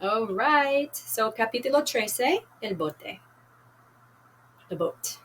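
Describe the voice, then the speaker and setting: A woman teaching a Spanish class, reading a novel aloud and leading activities, speaking slowly and clearly, repeating and translating words. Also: a little high, expressive, a bit bright, slight background noise.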